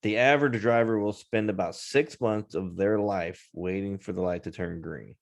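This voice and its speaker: A man's voice: lowish voice, normal speed, creaky. A man co-hosting a podcast in casual chat, laughing often, teasing and swearing. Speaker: podcast co-host.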